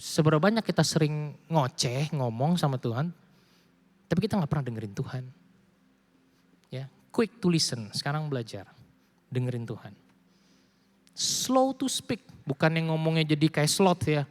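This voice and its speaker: A young man preaching casually to a youth group, slangy and animated, mixing in English phrases. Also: a little high, normal speed, long pauses. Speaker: youth pastor. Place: church hall. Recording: long hall reverb.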